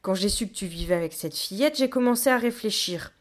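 A woman's voice: medium pitch, a little fast, natural voice. A woman voicing a cold, ironic male town official who speaks in a smug, mocking way in an audiobook. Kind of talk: audiobook reading.

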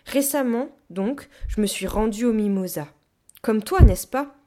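A woman's voice: on the high side, a little slow, warm tone, pitched above the performer's own voice, close to an everyday voice. A woman voicing a cold, ironic male town official who speaks in a smug, mocking way in an audiobook. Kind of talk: audiobook reading.

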